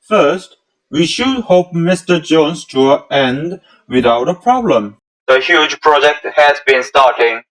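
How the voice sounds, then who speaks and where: With instrumental music beneath him and a rough recording quality, a man reads a scripted amateur audio drama at a slow pace. His voice is a little high and a bit bright, and his English comes across as formal and stilted, with non-native phrasing.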